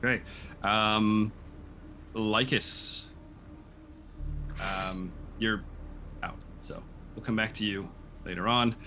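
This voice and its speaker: Bright-voiced man running a tabletop game. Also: on the low side, fairly even intonation, slow, long pauses, a little hiss or hum. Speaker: game master. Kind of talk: improvised tabletop game narration.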